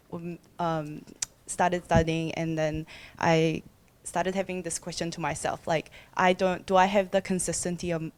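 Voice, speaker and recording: A woman's voice: low-pitched, darkish tone. A young woman, born in Korea and raised in New Zealand, asks a panel a long, hesitant question full of ums and restarts. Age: young adult. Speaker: student audience member asking a question.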